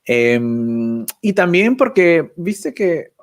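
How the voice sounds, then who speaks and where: A guest YouTuber on a video call, this man talks with a fairly high pitch, very animated and stretching out his words. The chat is casual; he's thoughtful and self-deprecating, habitually finishing phrases with a questioning "right?".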